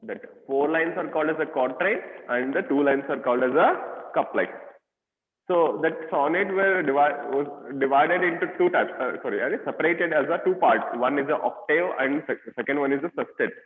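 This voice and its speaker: A male teacher with an Indian English accent gives an online lesson in a slightly raised voice. He explains step by step, pausing often with fillers and quizzing his students. The sound is roomy with a long reverb and comes through thin and phone-like. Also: on the high side. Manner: halting explanations with many fillers and questions to students. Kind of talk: online class lecture. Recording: echoey room, tinny phone-like sound.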